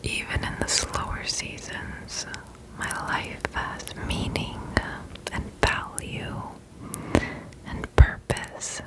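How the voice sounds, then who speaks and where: A woman whispers an ASMR pep talk of comforting affirmations. She goes extremely slowly and soothingly, repeating phrases with long, drawn-out spacing. Her voice stays in a breath-only whisper. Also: rough recording. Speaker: ASMR host.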